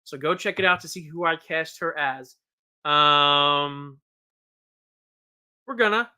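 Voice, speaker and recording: A man in his thirties chats casually on a fan podcast. His voice is bright and clear. He rambles, restarts his sentences and pokes fun at himself. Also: fairly high pitch, slow pace. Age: 30s. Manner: rambling, self-deprecating, with frequent restarts and laughs. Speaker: podcast co-host. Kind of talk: casual chat.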